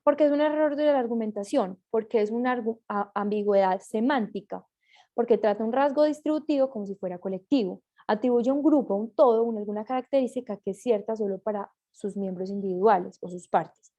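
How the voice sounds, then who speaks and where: A woman reads out a class presentation in a mellow, warm tone. Her pitch sits a little high, and she stumbles now and then and corrects herself mid-sentence. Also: fairly quick, highs cut off. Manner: reads aloud with small slips and self-corrections.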